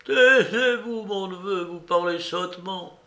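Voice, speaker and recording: A man doing a high, rasping dying old beggar. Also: lively intonation, takes it slowly, echoey room, heavily acted. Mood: grave. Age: older. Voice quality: thin, rattling, failing voice. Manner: mocking and imperious. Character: dying old male beggar, sly and scornful. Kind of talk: audiobook character reading.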